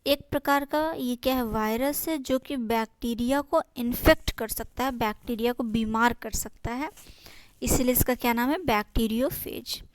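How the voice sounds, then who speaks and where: A woman teacher with an Indian accent, going through exam notes, reading English lines slowly and explaining them in Hindi, often asking and answering her own questions. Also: a little high, fairly even intonation, no echo. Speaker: biology teacher. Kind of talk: exam-prep lesson.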